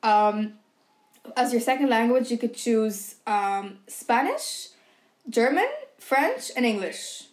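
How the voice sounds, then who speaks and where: A young Dutch-speaking podcast co-host from Belgium talks chattily, leaning heavily on "like" and "um." Her fairly high voice is expressive and slow-paced.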